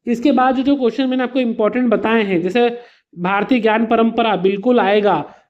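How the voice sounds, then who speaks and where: Fairly quick and very high-pitched, this man's voice comes through lo-fi sound. He teaches students an exam revision session, patiently explaining with simple examples, calling them "beta," and using English words within his explanations.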